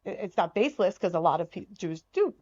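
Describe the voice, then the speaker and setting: A woman, an artist from the United States, talks on a podcast. Her voice sits a little low and she speaks with emphatic, animated energy, acting out what others have said to her. The sound is dry and slightly muffled. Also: quick pace, husky, no echo. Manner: animated, emphatic, acts out quoted remarks. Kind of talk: conversational interview.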